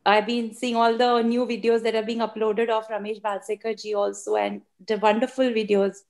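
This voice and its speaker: A woman sharing a personal reflection with a teacher, speaking hesitantly and earnestly with many pauses and fillers. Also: a little high, level tone, darkish tone. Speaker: participant sharing.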